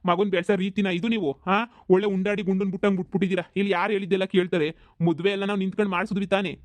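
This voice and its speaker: A man's voice: sits high, dry recording, natural voice. A man voicing a stern, reproachful village headman in a cartoon comedy. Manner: reproachful, questioning.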